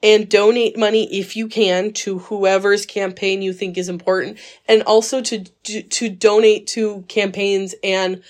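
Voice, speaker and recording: A woman's voice: medium pitch, flat delivery, unhurried, hardly any pauses. Earnest woman co-hosting a book club chat. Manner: earnest, emphatic, many fillers and restarts. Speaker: book club podcast co-host. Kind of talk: casual chat. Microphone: phone recording.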